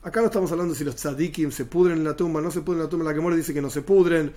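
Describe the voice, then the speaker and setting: A man's voice: on the high side, very fast, dark tone. A man giving a Torah lesson, explaining Hebrew terms and glossing each one in plain language. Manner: explanatory, repeats Hebrew terms then glosses them in Spanish. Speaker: Torah teacher.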